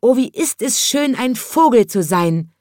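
A woman's voice: mid-range voice, animated, measured pace, a little mellow, no room sound, studio quality, voice pushed up, lightly acted. A woman voicing a cheerful, childlike little chimney sweep in a storybook, with a lifted, innocent voice. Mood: joyful. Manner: lifted, wide-eyed and innocent.

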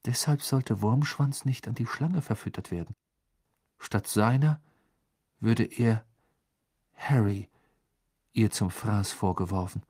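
A man reading an audiobook aloud in an expressive storytelling way. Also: lowish voice, slow pace, long pauses, husky, no echo. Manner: expressive storytelling, voices the figures. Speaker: audiobook narrator. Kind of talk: scripted narration.

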